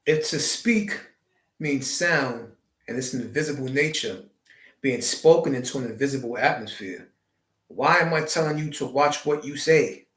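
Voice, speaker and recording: A man's voice: mid-range voice, moderate pace, a bit bright. A man hosting a live stream, giving a preachy spiritual monologue full of wordplay and rhetorical questions. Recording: roomy echo.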